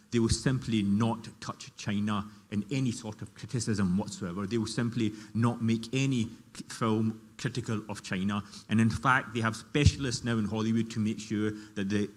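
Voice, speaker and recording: A man speaking as a panelist at a conference, making emphatic, argumentative points. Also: on the low side. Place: large conference hall. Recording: long hall reverb.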